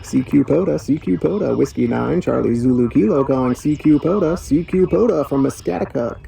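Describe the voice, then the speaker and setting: A man's voice: fairly high pitch, fairly quick, vocal fry, warm tone, slight background noise. A man making a ham radio call from a wildlife refuge outdoors, repeating his call sign in the phonetic alphabet. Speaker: ham radio operator activating a park.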